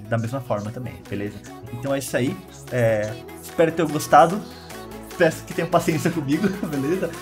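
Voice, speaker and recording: A man with a Brazilian Portuguese accent, hosting a gaming video and commentating his matches casually, quick to exclaim and laugh at his own plays. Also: on the high side.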